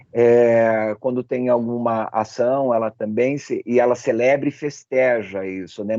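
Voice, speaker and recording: A man giving a spontaneous answer in a panel discussion, haltingly searching for words. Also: mid-range voice, warm tone. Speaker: panel guest working in cultural production. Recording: echoey, dull, muffled sound.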